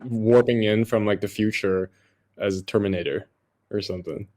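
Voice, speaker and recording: A man's voice: on the low side, fairly even intonation, normal speed, darkish tone. A man co-hosting a virtual event, talking casually and jokingly over a video call.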